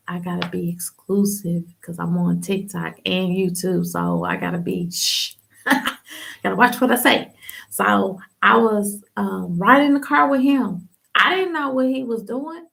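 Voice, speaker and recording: A woman's voice: mid-range voice, creaky, fairly bright tone. A young woman from Ohio telling her personal testimony in a candid, casual way, full of slang and fillers.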